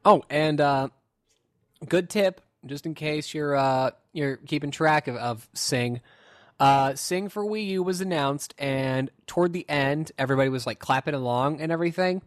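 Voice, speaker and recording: A man co-hosting a podcast in casual chat, talking loosely and jumping up in pitch when amused. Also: moderate pace, dry recording, clean studio sound. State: hiccups. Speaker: podcast co-host.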